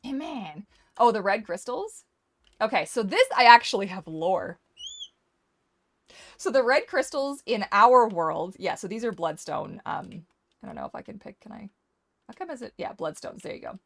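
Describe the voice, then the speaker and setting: A woman's voice: mid-range voice, very animated, normal speed, vocal fry. A woman chatting casually as she plays a game for viewers, a welcoming and playful host who talks straight to her audience. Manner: playful, teasing. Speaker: host of a live game stream and community server. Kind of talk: casual chat while playing a game.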